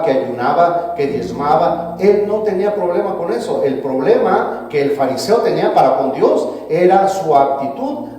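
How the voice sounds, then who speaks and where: A man preaching a sermon as pastor, with emphatic rises and drawn-out stressed words. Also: fairly high pitch, warm tone. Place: church sanctuary. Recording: echoey church hall, voice from a distance.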